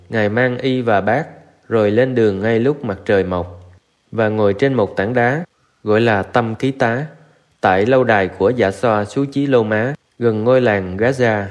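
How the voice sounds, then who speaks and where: A man reading a Buddhist scripture aloud in a steady, measured recitation, with Pali verses woven in. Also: mid-range voice. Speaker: narrator.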